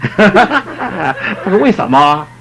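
A middle-aged man, a church elder, telling a story in a sermon in an animated way and acting out the people he quotes. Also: high voice, very slow, a little hiss or hum. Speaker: church elder giving a talk.

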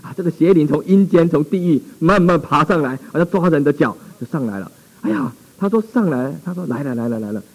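A man's voice: on the high side, lively intonation, a little fast, breathy edge, poor audio. A male pastor telling a dramatic, exclamatory testimony in a sermon.

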